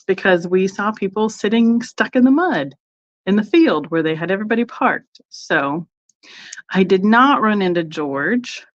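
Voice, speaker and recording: A woman's voice: medium pitch, dull audio. Chatty woman hosting a live sale. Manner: rambling, chatty, greets viewers by name. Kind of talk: casual live-stream chat.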